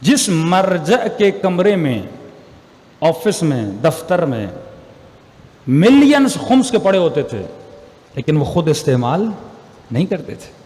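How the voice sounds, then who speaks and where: A high-pitched man preaches with emphatic, rhetorical force, weaving stories into his sermon. His voice rings through a reverberant hall with a long tail of echo. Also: very animated, pauses often, dark tone. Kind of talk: religious sermon with storytelling.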